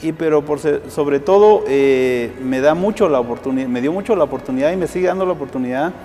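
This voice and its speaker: Warm, a little high and fairly quick, the voice belongs to a Guatemalan civil society activist giving interview answers in Guatemalan-accented Spanish. He hesitates a lot, restarting and filling gaps with "eh." The recording has long reverb and faint music behind it.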